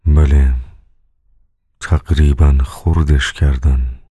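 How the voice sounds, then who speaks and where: Man playing a stern commanding devil, slow, very deep, dark. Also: steady tone, breathy edge, dry recording, studio quality.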